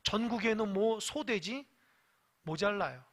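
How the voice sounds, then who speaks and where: A pastor preaching a sermon in a church, lively and constantly questioning the congregation. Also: mid-range voice, slow pace.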